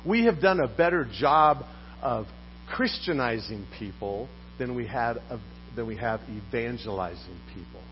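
A man preaching a sermon as pastor, putting questions to his congregation in a lively manner. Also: on the low side. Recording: dull recording with faint mains hum.

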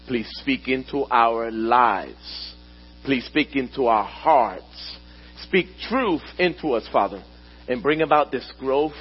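A man preaching a sermon to his congregation at a pulpit microphone in a church, slowing down to stress key words and calling on the listeners to answer back. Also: medium pitch, breathy edge. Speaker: pastor. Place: church sanctuary. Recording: dull recording with mains hum.

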